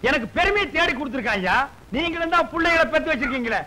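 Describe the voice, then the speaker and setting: Squeaky bright-voiced barber uncle in a film, always mocking and yelling. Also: male voice, lively intonation, heavily acted, poor audio. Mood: boastful. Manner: loud, fast, mocking comic rants. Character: village barber uncle, middle-aged man, loud scolding jester. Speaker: comic uncle.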